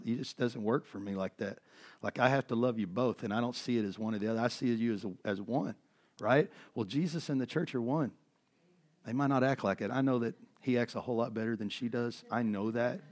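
A middle-aged pastor delivers a sermon in a conversational, earnest manner, his medium-pitched, slightly mellow voice worn from overuse. He fills his speech with fillers and frequent restarts.

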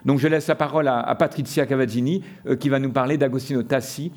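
A man moderating an academic session with improvised remarks, halting and hesitant, often repeating words as he searches for the next phrase. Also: medium pitch, steady tone, a little mellow. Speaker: session moderator and exhibition curator.

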